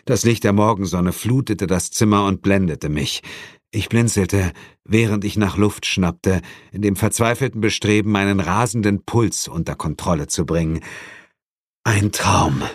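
A man narrating an audiobook in an expressive, dramatic first-person style, recorded close in a studio. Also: low voice, unhurried, dry recording.

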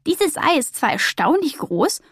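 A woman voicing a knowing crow with a croaking voice in a storybook reading. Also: high-pitched, very animated, a little slow, fairly bright tone, no room sound, clean studio sound, voice pushed up, full character voice.

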